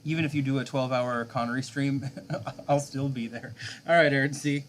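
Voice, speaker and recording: A man's voice: mid-range voice, steady tone, moderate pace, a little hiss or hum. A man in his thirties, a game streamer, chatting casually with his viewers late at night, chuckling often as he answers chat.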